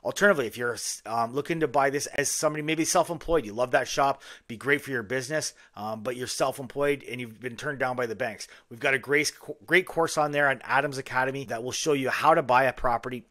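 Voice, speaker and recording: A fast-talking man in his forties explains a home purchase step by step, with an upbeat sales pitch. His voice sits at a middle pitch and is recorded dry and close, with no room echo. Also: fairly bright tone. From Canada. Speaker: mortgage agent. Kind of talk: screen-share walkthrough.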